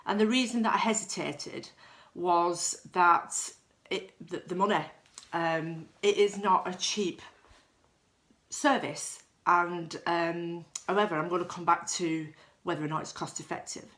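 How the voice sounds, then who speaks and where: A woman's voice: fairly low pitch, fairly even intonation, a little slow, fairly bright tone. A middle-aged woman telling her own story in a candid, self-deprecating way, with frequent restarts. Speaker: client giving a testimonial. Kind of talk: personal testimonial storytelling.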